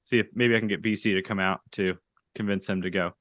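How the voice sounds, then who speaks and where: A man talking casually in a relaxed conversation format. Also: sits low, fast, no echo, studio quality. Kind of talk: casual chat.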